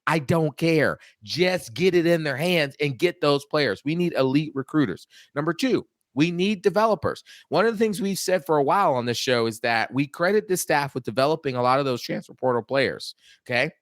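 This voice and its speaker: A man co-hosting a casual sports talk show, emphatic and animated, repeating points for emphasis. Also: on the high side, moderate pace, few pauses, no room sound, studio quality. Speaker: podcast co-host.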